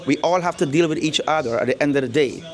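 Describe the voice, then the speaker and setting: Inside his barbershop, the middle-aged owner from Guyana gives a casual interview, speaking quickly at a fairly high pitch in his Guyanese accent. He's laid-back, repeats himself, and keeps dropping "you know".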